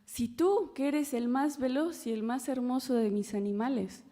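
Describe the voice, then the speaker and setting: A woman's voice: high voice, moderate pace, warm tone, voice pushed up, lightly acted. A woman voicing an old, grandfatherly male spirit of fire who gives orders in a raised, commanding voice. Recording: long hall reverb.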